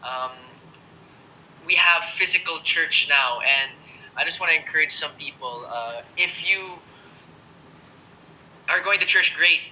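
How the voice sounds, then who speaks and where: A man's voice: on the high side, measured pace, pauses often, bright, forceful tone, a little hiss or hum, low-quality recording. A young man who grew up in Germany, talking earnestly as an interview guest, hesitating with fillers and dropping in Filipino phrases. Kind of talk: casual interview chat.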